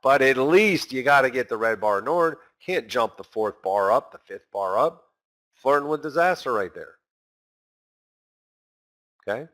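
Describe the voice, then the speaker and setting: A man teaching a recorded trading lesson, animated and talking straight to his viewers, acting out a trader's inner voice. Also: medium pitch, a little slow, pauses often. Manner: talks straight to the viewers as guys. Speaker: trading instructor.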